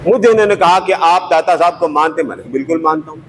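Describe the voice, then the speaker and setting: A middle-aged man delivers a Friday sermon with a fairly high voice. He tells stories and voices the people in them, swinging his tone between lifted and hushed. The mosque hall gives him a long echo, and faint room ambience sits underneath. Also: a little hiss or hum. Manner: animated storyteller who acts out dialogue with rises and drops in pitch. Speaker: preacher.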